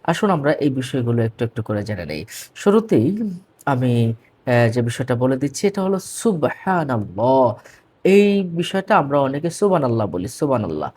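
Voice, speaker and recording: A man with a Bangladeshi Bengali accent giving a religious pronunciation lesson, addressing viewers formally and slowly drilling right and wrong forms of words. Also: mid-range voice, sing-song, darkish tone. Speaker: religious teacher.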